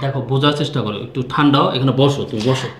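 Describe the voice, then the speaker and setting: A man's voice: mid-range voice, rapid-fire, natural voice. An actor playing a poor young husband who pleads with his angry wife and defends his parents. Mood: pleading. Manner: pleading, placating. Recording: echoey room.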